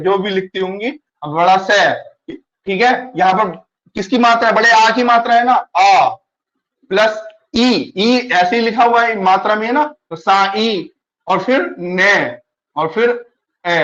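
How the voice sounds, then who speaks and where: High-voiced male teacher, patient. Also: a bit bright, highs cut off. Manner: patient, repeats questions to students. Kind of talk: online class lesson.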